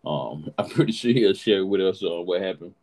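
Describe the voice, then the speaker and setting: A man hosts a casual podcast in a laid-back way. His voice sits fairly low, and he fills his talk with "you know what I'm saying". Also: lively intonation, moderate pace, darkish tone, low-quality recording. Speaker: podcast host.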